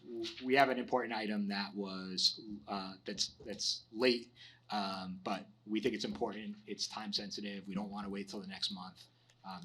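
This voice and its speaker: Husky-voiced man explaining council rules. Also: fairly low pitch, pushed and bright. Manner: explanatory, filler-heavy with frequent um. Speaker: city staff member presenting council rules. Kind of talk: orientation briefing. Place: city council chamber.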